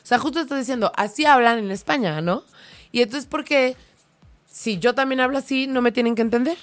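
A woman's voice: on the high side, brisk, dry recording, faint music behind. A woman co-hosting a casual chat, joking and reading audience messages. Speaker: co-host.

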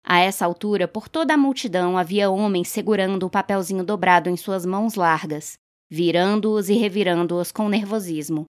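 A woman reading a short story aloud in steady, clear narration. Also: medium pitch, normal speed. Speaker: reader.

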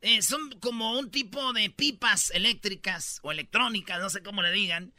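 A male comedy host with a Mexican Spanish accent rambles through slangy, joking stories. His voice is high and strikingly bright and sharp. The sound is close and dry. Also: moderate pace, no echo. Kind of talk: comic radio banter.

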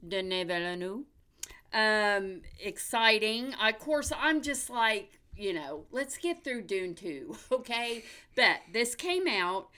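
A woman's voice: mid-range voice, lively intonation, takes it slowly, sharp tone. An American woman hosting a casual movie news chat in an upbeat, chatty, folksy way. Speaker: movie podcast host.

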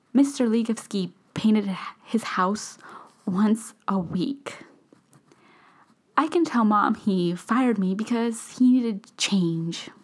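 A woman reading a first-person story aloud, often slipping into a soft whisper. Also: medium pitch. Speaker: narrator.

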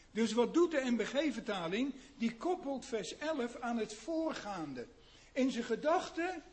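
A man preaching a sermon in an earnest way, asking his listeners questions and swinging between hushed and loud emphasis. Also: extremely high pitch. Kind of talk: sermon on a psalm.

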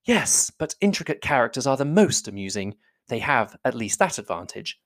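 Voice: medium pitch, sing-song, moderate pace, dry recording, clean studio sound. A reader voicing a poised, frank young woman with a witty, composed and polite manner. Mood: teasing.

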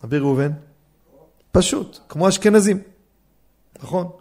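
A male rabbi with a gravelly, high voice gives a Torah law lecture in a study hall class. He is animated, firing rhetorical questions at his listeners.

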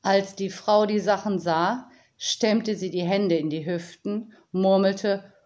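A woman narrating a children's audiobook in a calm, deliberate storytelling manner. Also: mid-range voice, highs cut off.

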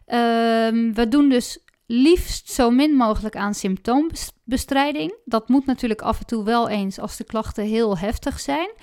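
Clear-voiced woman in her thirties. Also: on the high side, measured pace, hardly any pauses, a little mellow. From Netherlands. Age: 30s. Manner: earnest explaining, frequent hesitations. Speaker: guest health coach. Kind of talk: podcast interview.

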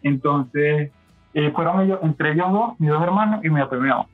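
A Venezuelan man speaks as a podcast guest, rambling through his story and restarting often. His voice sits a bit high and comes through a thin, phone-like line with faint music underneath. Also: brisk. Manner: rambling, many fillers and restarts. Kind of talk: casual interview storytelling.

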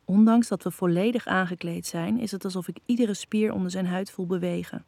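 A woman narrating a first-person erotic audio story, calm and intimate. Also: mid-range voice, a little fast, creaky, no echo.

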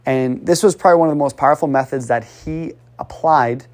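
Slightly high and slightly fast, a man coaching speech walks through how he works in a casual, conversational style. He repeats points for emphasis, lets out sighs between phrases, and his pitch leaps whenever he pushes the listener forward.

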